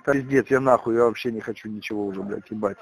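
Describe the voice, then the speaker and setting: A man's voice: lowish voice, fairly even intonation, fast, vocal fry, rough recording. A man speaking agitatedly on an intercepted call, swearing heavily and repeating himself. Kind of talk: tense casual phone conversation. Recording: intercepted phone or radio call.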